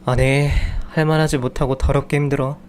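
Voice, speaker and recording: A man's voice: medium pitch, little pitch movement, a little fast, darkish tone, slight background noise, lightly acted. A man voicing a whiny young husband who grumbles about every hard job. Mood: grumbling. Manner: sulky, complaining.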